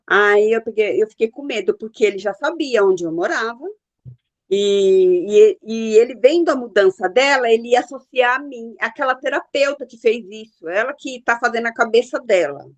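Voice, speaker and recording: A woman's voice: fairly high pitch, lo-fi sound. Earnest middle-aged Brazilian woman therapist. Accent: Brazilian Portuguese. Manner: earnest, confiding, peppered with "né" and "assim". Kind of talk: casual storytelling.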